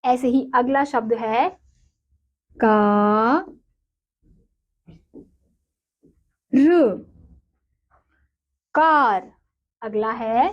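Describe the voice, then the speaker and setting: Sounding out syllables one by one and then joining them into words, a woman patiently helps young children learn to read and write in a slow lesson. Her voice is slightly high, and the sound is lo-fi.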